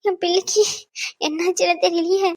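A woman's voice: extremely high pitch, little pitch movement, normal speed. A woman voicing an anxious middle-aged village mother who wails and laments about her son. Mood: lamenting. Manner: wailing, lamenting.

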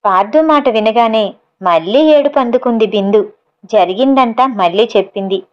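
Brief: female storyteller, even and steady, slightly high pitch. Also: moderate pace, highs cut off. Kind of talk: reading a story aloud.

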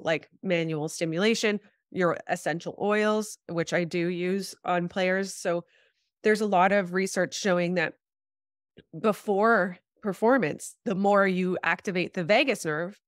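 A woman in her thirties with a lowish, slightly congested voice, as if her nose is stuffed up, talks informally about health topics, often saying "like" and "you know." She is a chiropractor and acupuncturist appearing as an interview guest on a video call from a small room at home. The sound is studio quality with no echo.

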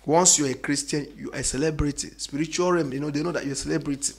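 A man preaching emphatically, repeating phrases and swinging between loud declarations and quiet asides. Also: on the high side, fairly even intonation, fast. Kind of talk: preaching monologue.

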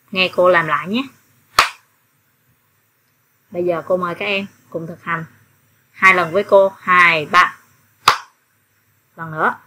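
A woman music teacher with a Southern Vietnamese accent, giving an online lesson to children with slow, clear instructions and rhythmic counting. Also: lowish voice, pushed and bright, a little hiss or hum. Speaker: primary school music teacher.

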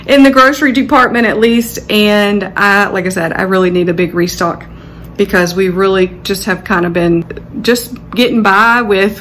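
A woman's voice: medium pitch, a bit bright, a little hiss or hum. A woman in her thirties chatting casually as she shows a grocery haul, rambling with fillers, recorded on a phone camera in her home kitchen. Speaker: lifestyle vlogger. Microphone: handheld phone camera.

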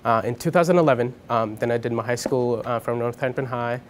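A young Indian man, a college student whose first language is Punjabi, answers interview questions in a dim indoor room lit by a lamp. His voice is medium-pitched and steady, a little fast, with a faint hiss or hum. He sounds casual and hesitant, full of ums and restarts.

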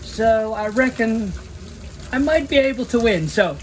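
A man's voice: very high voice, lively intonation, measured pace, background noise. A man in his forties talking casually to camera from the cabin of his sailing yacht, chatty and upbeat, calling his viewers guys. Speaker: sailing vlogger. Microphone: phone or action camera at arm's length.

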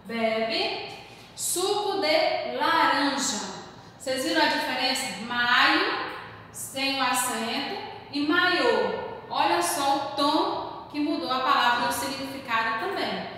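High-voiced teacher in an echoey room. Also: female voice, lively intonation, bright, forceful tone. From Brazil. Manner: slow, careful word-by-word dictation, stressing syllables; calls herself "tia" in the third person. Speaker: primary school teacher. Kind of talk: remote class lesson, correcting exercises. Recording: distant mic in echoey room with faint hiss.

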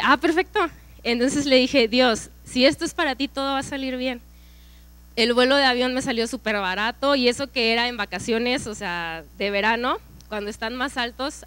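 A young Mexican woman with a Mexican accent gives a personal testimony to a church women's gathering. Her voice sits a bit high and comes through smooth and clear. She tells the story in a lively way, acting out the back-and-forth of conversations. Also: dry recording. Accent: Mexican Spanish. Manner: lively storytelling with quoted dialogue. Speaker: speaker at a church women's event.

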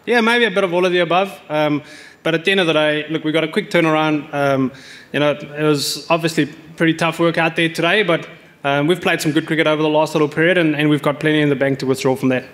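A man's voice: on the high side, steady tone, fast talker, a bit bright. A man in his forties, a cricket coach answering reporters' questions at a press conference, speaking into table microphones with frequent fillers and restarts.

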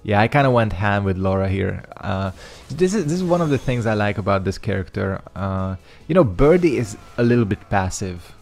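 This young man, a gaming channel host whose first language is Hungarian, gives animated, casual commentary over his own fighting game matches, loaded with loose slang and fillers. His fairly low, creaky, slightly mellow voice moves at normal speed with few pauses.

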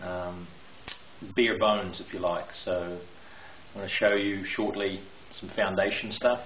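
A middle-aged renovation contractor with a fairly low voice and little pitch movement gives a walkthrough video tour, explaining things hesitantly with frequent "um" and "uh." A handheld camera mic records him in a roomy-sounding bare brick basement, producing dull, lo-fi audio with a faint hiss.

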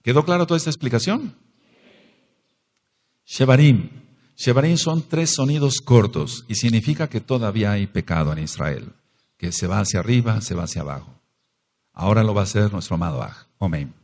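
A man's voice: lowish voice, animated, moderate pace, pauses often, a little mellow. A man with a Mexican Spanish accent preaching a sermon as pastor, emphatic, repeating phrases and asking the congregation questions. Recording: long hall reverb.

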